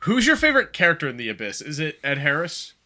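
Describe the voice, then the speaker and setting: A man co-hosting a casual movie review podcast, excitable, swearing freely and restarting his sentences often. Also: on the high side, fast talker. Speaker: podcast co-host.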